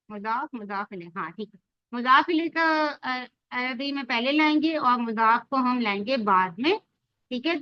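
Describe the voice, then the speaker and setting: High-voiced woman teaching grammar. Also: no echo, dull audio. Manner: explains step by step, asking students questions. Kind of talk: online Arabic grammar lesson.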